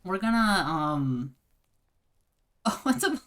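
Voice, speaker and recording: A woman's voice: on the low side, sing-song, very slow, a bit bright. Playful giggly young woman streamer. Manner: playful, giggly, reads game text aloud. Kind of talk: game playthrough with commentary.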